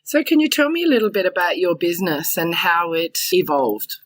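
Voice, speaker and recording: A woman's voice: on the low side, very animated, brisk. A woman with an Australian accent hosting an interview podcast, encouraging her guests. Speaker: podcast host. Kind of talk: friendly interview.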